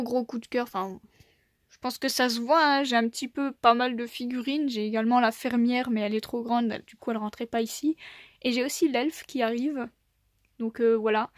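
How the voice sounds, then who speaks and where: Chatty young woman, slightly high voice. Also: no echo, studio quality. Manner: chatty, many fillers and little laughs. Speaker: manga collector vlogger. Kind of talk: casual collection tour.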